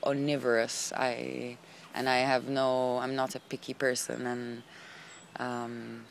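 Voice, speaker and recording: A woman's voice: extremely low pitch, flat delivery, slow pace, vocal fry, slight background noise. A twenty-nine-year-old woman from northern Italy with an Italian accent, answering interview questions hesitantly. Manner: hesitant, searching for words.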